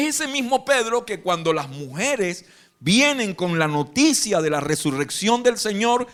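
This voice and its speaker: A man with a Venezuelan accent preaching a lively sermon live in church, acting out the Bible scenes in different voices. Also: high voice. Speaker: pastor. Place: church hall.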